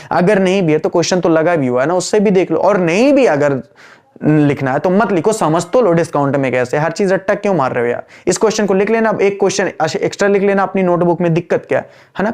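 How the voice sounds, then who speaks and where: A man teaching accounts to students online, his voice sitting somewhat high for a man. He calls them "beta" and chides them with patience. He hammers each point home by asking it again and again, and he drags out the entries as he writes them on the board. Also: a little mellow. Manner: repeats key phrases, quizzes students with questions; drawls slowly while writing entries. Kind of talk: online classroom lecture.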